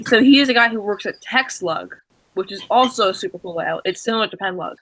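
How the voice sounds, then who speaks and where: A man co-hosting a stream, telling a casual story with many restarts and fillers, and acting out the dialogue with excitement. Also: high voice, quick pace, rough recording. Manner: acts out quoted dialogue excitedly. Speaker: stream co-host.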